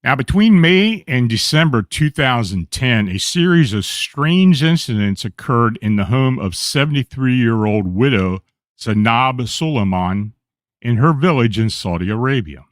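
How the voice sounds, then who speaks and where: A man hosting a radio show, reading eerie accounts aloud in a steady storytelling voice with small slips and self-corrections. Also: medium pitch, measured pace, dry recording.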